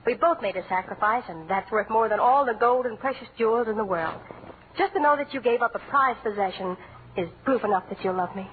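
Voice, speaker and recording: An actress playing a devoted, long-suffering wife in a 1940s-style radio comedy, sweet and gently teasing. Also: female voice, on the high side, fairly quick, close to an everyday voice. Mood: heartfelt. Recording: tinny, hissy old radio broadcast.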